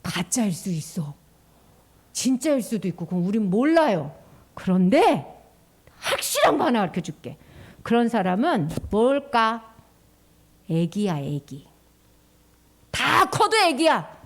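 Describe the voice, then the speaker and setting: A woman minister giving an animated children's sermon, sing-song and sometimes dropping to a whisper. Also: on the high side, a little slow, long pauses.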